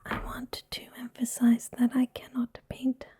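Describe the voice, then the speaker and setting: A young woman whispers right up against the microphone, her voice airy and husky with almost no tone behind it. She talks slowly and softly, with a flat, even lilt and a mellow, dark color, poking fun at herself as she goes. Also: fairly high pitch, dry recording. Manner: whispered throughout; self-deprecating, chatty aside. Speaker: ASMR creator. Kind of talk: ASMR. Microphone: close microphone.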